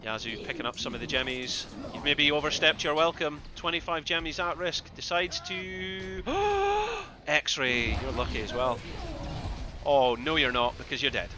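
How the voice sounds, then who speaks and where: A man giving excitable live play-by-play commentary on an esports match, with bursts of loud exclamations. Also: on the high side, normal speed, over music. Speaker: esports caster.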